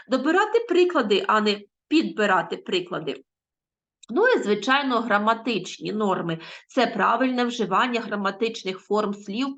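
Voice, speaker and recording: Lively woman teaching a video lesson. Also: on the high side, dull audio. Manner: lively, emphatic, addresses students directly. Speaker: Ukrainian language teacher.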